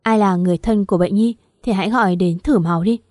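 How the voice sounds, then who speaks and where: A woman's voice: mid-range voice, quick pace, darkish tone, no room sound, studio quality, lightly acted. A woman reading the part of a serious male hospital doctor in a storybook narration. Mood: grave. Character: grave male hospital doctor, sweaty and urgent.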